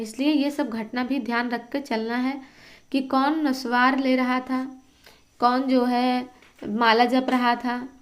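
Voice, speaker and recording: A woman teaching Hindi literature who reads a story aloud and stops to explain it for exam students. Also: high-pitched. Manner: reads a passage, then stops to quiz and explain.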